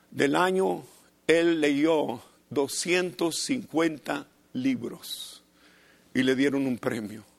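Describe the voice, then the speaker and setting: An older man preaches a fervent sermon. His voice sits high and climbs into loud, shouted peaks before settling back. He talks like a pastor addressing his congregation.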